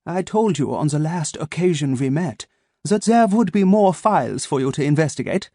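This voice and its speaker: A calm, soft-spoken android in a suit, as a male narrator puts him on, speaking with a German accent in slow, precise, patronizing tones. The voice sits clearly higher than the reader's own and sounds slightly altered in timbre. The audiobook recording is dry and close. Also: no echo. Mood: cold, patronizing. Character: soft-spoken android man posing as doctor.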